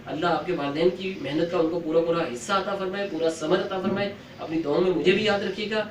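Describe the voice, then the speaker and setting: A man's voice: sits high, steady tone, roomy sound, distant mic, slight background noise, rough recording. A male teacher giving earnest, fatherly advice to students on how to write exam papers. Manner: earnest, fatherly, ends with blessings.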